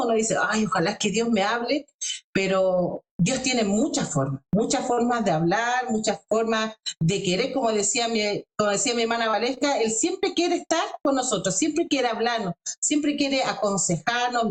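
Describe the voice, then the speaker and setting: A woman sharing a personal church testimony in an emotional, conversational storytelling way. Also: a little high. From Chile.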